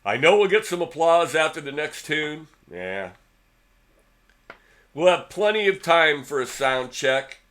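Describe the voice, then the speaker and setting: A man's voice: on the high side, big pitch swings, unhurried, fairly bright tone. A middle-aged man, host of a guitar channel, casually telling rambling anecdotes to the camera and repeating himself as he goes.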